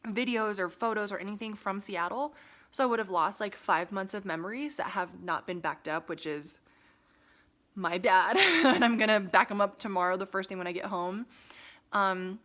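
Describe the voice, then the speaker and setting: A young woman from Las Vegas chatting casually to her camera, full of "like" and "um" and quick laughs. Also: mid-range voice, pushed and bright. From Las Vegas, USA. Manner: chatty, lots of "like" and "um", laughs often. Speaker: vlogger. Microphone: phone camera.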